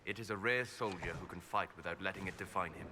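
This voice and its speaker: An actor playing a measured, thoughtful male veteran mage in a video game. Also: low voice, natural voice. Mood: reflective. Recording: game audio under gameplay noise.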